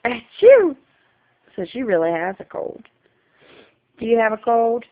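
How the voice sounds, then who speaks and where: A woman's voice: a little high, moderate pace. A mother filming at home, coaxing and playful as she talks to her small children. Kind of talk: casual home video talk. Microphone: camera's built-in mic. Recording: dull lo-fi home video.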